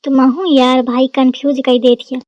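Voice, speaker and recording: A woman's voice: high-pitched, level tone, moderate pace, a little mellow, no room sound, lightly acted. A woman voicing a nosy, teasing young brother-in-law in a cartoon.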